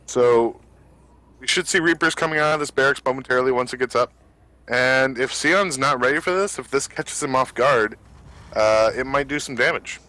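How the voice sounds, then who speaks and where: Bright-voiced male esports caster. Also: medium pitch, normal speed, dry recording, rough recording. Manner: analytical, explains strategy at length with frequent fillers. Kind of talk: live game commentary.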